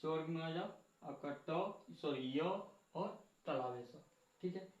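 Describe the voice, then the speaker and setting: Man, grammar teacher, fairly high voice, asks and answers his own questions, repeats points, echoey room. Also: slow pace. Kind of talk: online grammar lesson. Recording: echoey room, dull lo-fi sound.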